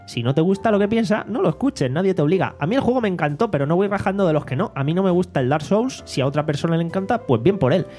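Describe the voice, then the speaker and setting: A man's voice: on the high side, a little mellow. A man, hosting a casual podcast, reading out listener comments in a mocking, swearing tone. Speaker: podcast host. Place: home studio.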